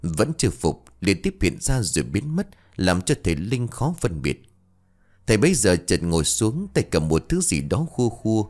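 A man narrating a ghost story with an expressive, dramatic reading. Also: lowish voice, moderate pace.

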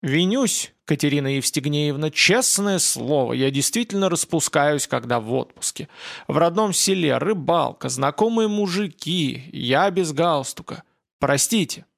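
A man's voice: fairly high pitch, big pitch swings, moderate pace, vocal fry, a bit bright, exaggerated voice. A man voicing a middle-aged male scientist in an audiobook, with a wry, bantering manner. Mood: apologetic. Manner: wry, bantering, then apologetic.

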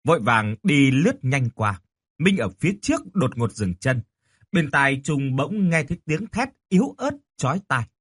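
A man reading a horror audiobook with an expressive, dramatic delivery. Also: medium pitch, normal speed, husky. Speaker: narrator.

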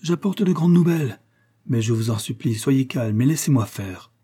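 An old village priest speaks with firm, commanding authority, as a man reading a storybook puts him on. The tone is mellow and dark. It carries a light husk. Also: medium pitch, normal speed, slightly rough, close to an everyday voice.

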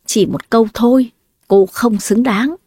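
Brief: calm cutting young wife, mellow and dry, as a woman narrator reads her. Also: on the high side, measured pace, breathy edge, no room sound. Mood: cold.

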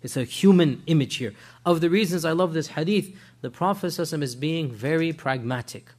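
Guy teaching a weekly religion class, kinda high voice, keeps asking the room questions, drops arabic phrases. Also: fast. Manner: animated, asks listeners many rhetorical questions. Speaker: lecturer. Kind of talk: weekly religious history lecture.

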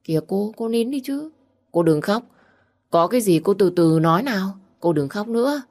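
A caring young benefactor who teases softly and talks calmly, as a woman reading a storybook puts him on. The voice sits low and even, with an unhurried storybook pace. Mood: teasing. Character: young man, caring benefactor, gently teasing. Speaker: audiobook reader.

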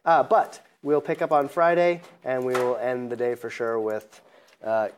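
A man's voice: medium pitch, level tone, a little slow, slight background noise. A man giving a classroom lecture, rambling with many fillers and joking asides.

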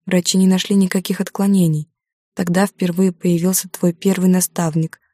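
A woman's voice: lowish voice, little pitch movement, moderate pace, mellow, no echo, clean studio sound, natural voice. Woman reading as a desperate middle-aged mother. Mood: pleading confession. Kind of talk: audiobook character voice.

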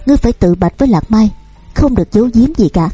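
A woman's voice: fairly high pitch, lively intonation, fast talker, warm tone, breathy edge, no echo, faint music behind. A woman reading the part of a stern, grieving older mother who scolds and pleads insistently. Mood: scolding.

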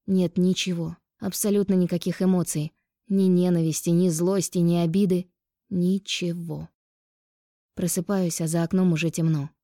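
A woman's voice: lowish voice, little pitch movement, normal speed, dark tone, dry recording, clean studio sound. A woman narrating a first-person novel as an audiobook, with intense, emotional delivery.

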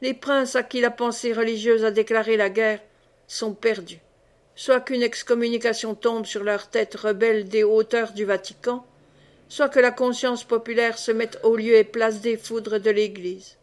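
A woman narrating a classic novel in a measured, expressive reading. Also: on the high side. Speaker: audiobook reader. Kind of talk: scripted narration.

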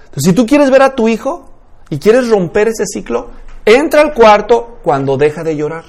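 Guy teaching a church parenting class, keeps asking the room questions, pretty high voice. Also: normal speed. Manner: lively, rhetorical questions to audience.

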